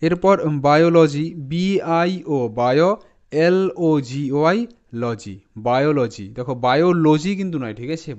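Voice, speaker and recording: A man teaching English pronunciation, spelling words out letter by letter and repeating them slowly for his students. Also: a little high, clear, resonant tone. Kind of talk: spoken lesson to students. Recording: slightly dull lo-fi sound.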